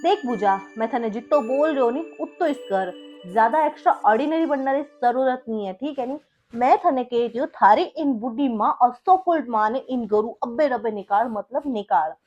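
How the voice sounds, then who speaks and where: A woman's voice: a little high, normal speed, a little mellow, dull audio, faint music behind, lightly acted. A woman playing a harsh, domineering young husband with a Marwari accent in a comic village skit, scolding and sneering. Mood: cold, dismissive. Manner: scolding, bossy, sneering questions.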